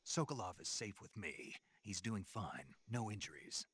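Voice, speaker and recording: Snake, a very deep, terse soldier. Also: male voice, lively intonation, moderate pace, fairly bright tone, slightly rough, no echo, full character voice. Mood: businesslike. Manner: clipped, laconic. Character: terse, stoic male soldier spy, video game hero. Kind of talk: video game acting.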